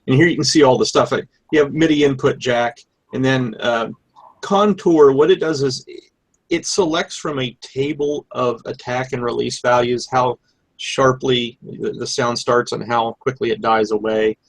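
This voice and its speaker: A man explains electronics in an informal show-and-tell style. His voice is gravelly and rough-edged, with a husky tone. The sound is dry, with little room around it. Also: medium pitch, normal speed, dry recording, rough recording. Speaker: electronics hobbyist presenter. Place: live online hangout with screen share.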